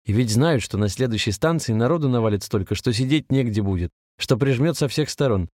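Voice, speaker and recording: A man's voice: medium pitch, expressive, brisk, darkish tone, no echo, studio quality, natural voice. A man reading as a feverish young ex-soldier. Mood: earnest, fervent. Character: young male ex-soldier, feverish, fervent, visionary.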